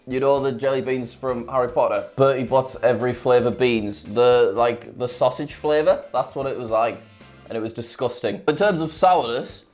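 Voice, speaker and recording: Giggly vlogger doing dramatic casual reactions while eating sour candy, medium pitch, music behind. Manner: giggly, exclamatory, dramatic complaining. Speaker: vlog presenter. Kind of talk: casual reaction vlog chat.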